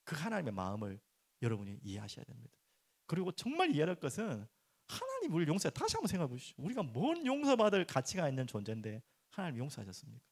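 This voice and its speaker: A middle-aged man preaching a sermon as pastor, turning expressive when he acts out prayers and dropping soft and low for earnest points. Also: fast, husky. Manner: animated, acts out prayers and complaints in raised voice.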